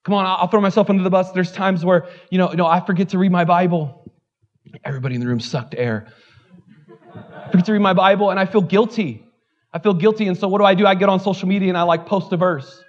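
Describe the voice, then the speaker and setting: The recording is muffled as a pastor with a high voice preaches at a quick pace. He is candid and conversational, self-deprecating, and uses "like" as a frequent filler.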